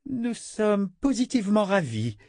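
Guy reading as a haughty queen, fawning and high pitched, dry audiobook sound. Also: big pitch swings, unhurried, darkish tone, no echo, heavily acted. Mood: simpering. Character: haughty scheming queen, woman, middle-aged.

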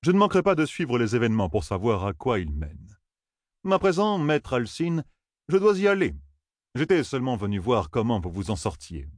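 A man's voice: mid-range voice, wildly swooping pitch, fairly quick, no echo, studio quality, voice pushed up. A man reading an audiobook, voicing an aloof, proud male official who speaks in a cool, formal way.

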